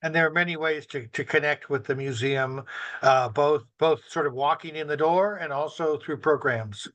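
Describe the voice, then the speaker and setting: A man's voice: fairly high pitch, normal speed, a bit bright. A man hosting a community talk show, reading sponsor notes and announcements with frequent fillers. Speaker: host, senior center director.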